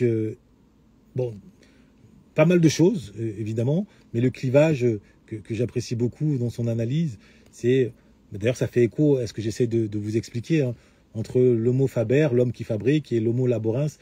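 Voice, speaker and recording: Mellow and husky, this mid-range male voice belongs to a middle-aged host answering questions at a live event. He lectures at length without a script, often hesitating and beginning sentences again.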